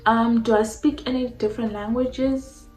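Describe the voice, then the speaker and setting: This young adult YouTuber from South Africa grew up speaking a mix of Xhosa and Zulu, and her voice is fairly high, darkish in tone, fairly even in intonation and moderately paced. She answers viewers' personal questions in a casual vlog, peppering everything with "like." Faint music drifts through the echoey room.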